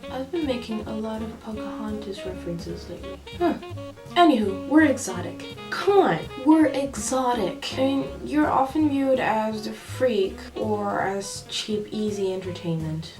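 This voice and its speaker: A young woman talking to camera in a personal vlog, playful and sarcastic with animated asides. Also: mid-range voice. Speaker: vlogger. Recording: echoey room, mic at a distance. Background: faint jazz music.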